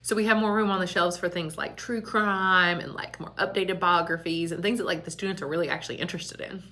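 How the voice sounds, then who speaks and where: A woman's voice: fairly low pitch, fairly even intonation, a little fast, bright, forceful tone. A woman school librarian chatting casually and laughing often, her voice echoing around an empty back storage room. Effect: echoey empty room. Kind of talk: casual video chat.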